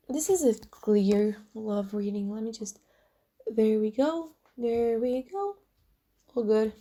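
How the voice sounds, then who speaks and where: A woman's voice: on the high side, vocal fry, mellow. Chatty young woman reading tarot cards. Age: young adult. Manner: chatty, earnest, addresses viewers directly. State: losing her voice. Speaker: tarot reader. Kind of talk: casual tarot reading vlog.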